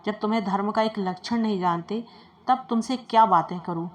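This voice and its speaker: A woman's voice: mid-range voice, normal speed, natural voice. A woman voicing a boastful, scheming middle-aged male priest in a read-aloud story. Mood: gloating.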